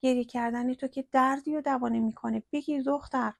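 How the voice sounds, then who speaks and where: A woman voicing a fussy, flustered older housewife who scolds and frets in quick exclamations in a spoken storybook. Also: high-pitched, fairly even intonation, vocal fry, no echo. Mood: scolding.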